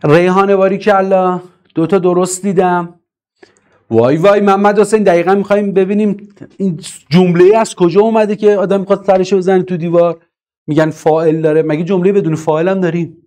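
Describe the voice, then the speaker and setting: A man teaching English grammar in a live online class, reading and answering the chat and driving his points home with emphatic repetition. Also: high voice. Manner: lively, emphatic, repeats key points.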